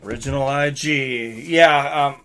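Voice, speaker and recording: Speaking slowly in a mid-range voice, a middle-aged man runs a live stream where he casually talks fights and reads and answers chat messages in a meandering way. His tone is fairly bright and the sound is clean.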